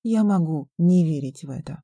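A resentful teenage son confronting his father, as a woman narrator puts him on. His retorts are blunt. The voice stays low and dark. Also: lively intonation, normal speed, husky, no echo.

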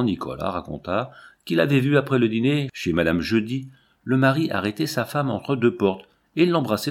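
Man reading a classic novel aloud. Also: medium pitch. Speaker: audiobook reader. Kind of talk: scripted narration of a classic novel.

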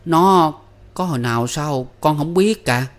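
A sheepish yet hot-tempered young son, as a male narrator does him, pitched up and loud. He pleads and protests in a storybook reading. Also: a little slow, natural voice. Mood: defensive. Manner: pleading, defensive.

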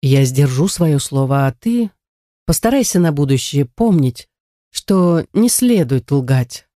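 A reader voicing a kind but firm older male teacher who speaks calmly and gently. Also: mid-range voice, slow, dry recording, clean studio sound.

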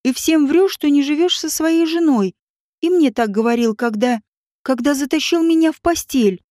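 A woman reading a storybook, voicing a desperate young woman who shouts accusations and sobs. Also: moderate pace, no room sound, studio quality, lightly acted. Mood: tearful accusing. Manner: shrill and pleading, breaking into sobs.

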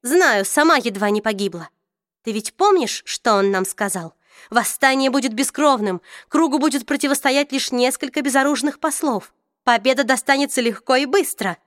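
A woman's voice: high-pitched, animated, normal speed, dry recording, clean studio sound, voice pushed up. A woman reading an audiobook, voicing a bitter, proud middle-aged woman who accuses and argues intensely. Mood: bitter, heated.

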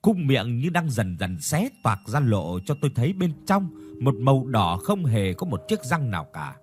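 A man reading a first-person ghost story aloud, in a slow, suspenseful way. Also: mid-range voice, very animated, darkish tone. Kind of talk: scripted ghost story narration.

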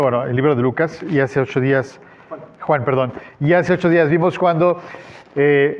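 A man preaches a sermon as pastor in a relaxed conversational way, filling pauses and acting out the quoted lines. His voice sits a little high. The recording is dull and lo-fi. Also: slight background noise.

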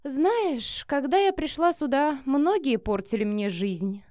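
A woman voicing a hardened, bitter businesswoman in an audiobook, lecturing in a firm, measured way. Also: sits high, expressive, darkish tone, no room sound, studio quality, pitched above the performer's own voice.

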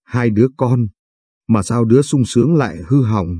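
A man voicing a worried elderly mother in an audio story, reading in a heavy, troubled tone with a dark, husky voice. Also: mid-range voice, moderate pace, no room sound, studio quality, natural voice.

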